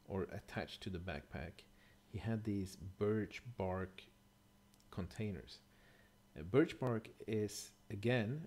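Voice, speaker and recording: A middle-aged bushcraft presenter speaks in a fairly low, darkish voice. His voice-over is casual and explanatory, thoughtful and a touch hesitant, full of fillers and self-corrections.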